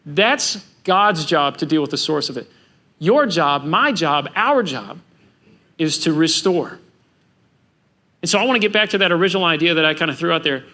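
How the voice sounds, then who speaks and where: A man preaching a sermon as pastor, animated and acting out the voices of biblical figures. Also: a little high, normal speed.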